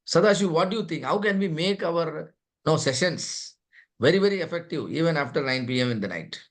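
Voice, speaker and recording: A man with an Indian accent runs an interactive online class as a trainer, calling on participants, prodding them, and repeating points to drive them home. His voice is on the high side, animated, and a little fast.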